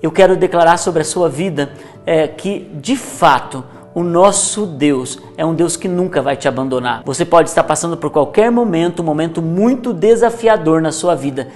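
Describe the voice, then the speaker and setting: A man's voice: a little high, moderate pace, darkish tone, soft background music. A man with a Brazilian Portuguese accent, a church leader preaching earnestly and declaring a promise over the listener. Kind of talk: sermon.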